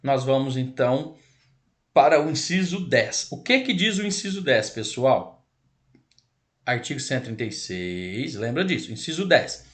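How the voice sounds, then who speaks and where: His medium-pitched voice is expressive and moves at a moderate pace, despite a scratchy, irritated throat. The speaker is a Brazilian-accented lecturer giving an online child protection law class, addressing "pessoal" and repeating and correcting himself as he explains.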